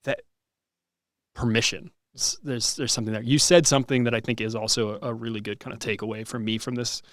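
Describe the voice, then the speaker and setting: A man's voice: mid-range voice, steady tone, fairly quick, no echo, studio quality. A man hosting a podcast, musing in a casual, self-deprecating way and often restarting his sentences. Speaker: podcast host. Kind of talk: casual reflective conversation.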